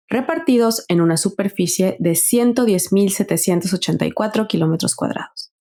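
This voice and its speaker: A woman's voice: medium pitch, darkish tone. A woman hosting a podcast, reading a scripted intro and then chatting in an enthusiastic, conversational way. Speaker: podcast host.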